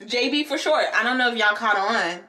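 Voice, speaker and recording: A woman's voice: fairly high pitch, a little fast, bright, forceful tone, far from the mic. A young adult woman chatting casually to her viewers as a beauty vlogger, playful and rambling, laughing often. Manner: talks with her eyes closed. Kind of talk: casual chat to camera.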